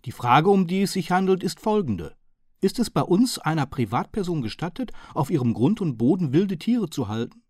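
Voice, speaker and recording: A man's voice: a little high, sing-song, moderate pace, slightly rough, no room sound, studio quality, voice pushed up. A man voicing a slim, polite and modest middle-aged county councillor who speaks earnestly and precisely.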